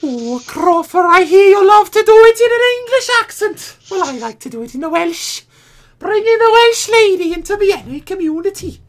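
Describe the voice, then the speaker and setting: A Scottish man putting on a shrill, teasing English lady voice. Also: very animated, normal speed, a bit bright, exaggerated voice. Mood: mocking.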